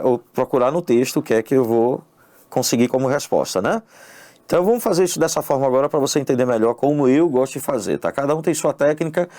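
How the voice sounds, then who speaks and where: A man's voice: mid-range voice, a little mellow, no echo. Male teacher for an exam-prep video, explanatory, talks straight to the viewer, dry sound. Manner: explanatory, addresses the viewer directly with tag questions. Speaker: English teacher. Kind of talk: exam review lesson. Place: online video lesson.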